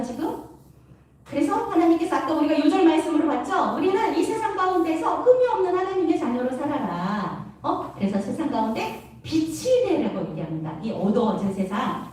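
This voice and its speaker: Young woman preaching to youth group, high lively voice, big echoey church room, far from mic. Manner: animated, acts out quarrels, laughs often. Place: church hall.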